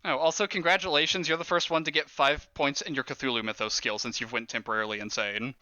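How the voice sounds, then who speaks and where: A man running a tabletop horror game as game master, animated, laughing and swearing casually. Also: medium pitch, fast talker, highs cut off, slight background noise.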